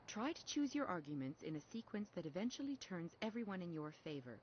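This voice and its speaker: A polite scholar judge in a video game, calm and honorable. Her lowish voice still moves widely, over dull lo-fi audio. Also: slight background noise. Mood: courteous. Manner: polite, measured.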